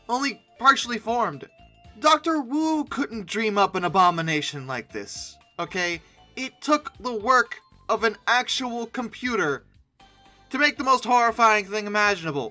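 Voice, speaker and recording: Hosting a comedy reaction video, he riffs spontaneously on images in a bright, sharp voice whose pitch jumps around a lot. His theatrical, sarcastic delivery takes its time between exclamations, with music underneath.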